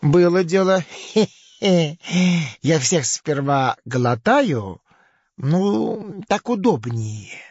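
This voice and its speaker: A sly chuckling crocodile. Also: male voice, fairly high pitch, animated, very slow, darkish tone, no room sound, exaggerated voice. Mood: smug teasing. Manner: sly, chuckling, lazy drawl. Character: smug greedy male crocodile. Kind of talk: children's audio play. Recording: slightly dull recording.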